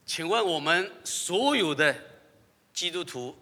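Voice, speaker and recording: A man leads an interactive sermon and keeps turning questions to the congregation. His voice is bright and fairly high, and it swings widely in pitch. A long hall reverb trails his words. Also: slow pace. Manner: animated, laughs often, asks the audience questions. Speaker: pastor.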